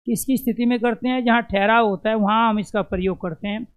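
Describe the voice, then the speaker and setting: A man's voice: high voice, fairly even intonation, fairly quick, clean tone. A man teaching an exam-prep lesson, who asks questions and answers them himself and repeats the key terms to drill them in.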